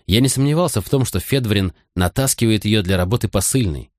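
A man narrating an audiobook in the first person, with measured, even storytelling. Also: lowish voice, dry recording, clean studio sound.

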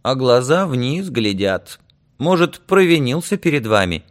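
Sing-song chatty aunt voiced by a male reader, fretful and high, audiobook. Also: big pitch swings, measured pace. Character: fussing, talkative middle-aged aunt.

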